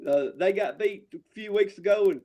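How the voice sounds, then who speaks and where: High-voiced Southern man, rambling and emphatic. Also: fairly quick, lo-fi sound. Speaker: wrestling promotion owner, show guest. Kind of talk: casual, profane wrestling trash talk.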